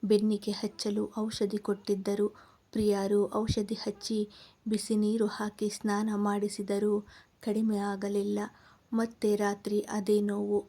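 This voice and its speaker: A woman narrates a serialized novel in a steady, even storytelling manner. Her pitch barely moves, and her tone is dark and mellow. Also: measured pace.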